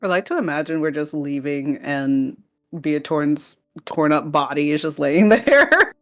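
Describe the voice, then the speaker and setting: A woman's voice: deep voice, animated, unhurried, soft background music. A woman making amused asides as a player in a tabletop game. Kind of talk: casual tabletop chat.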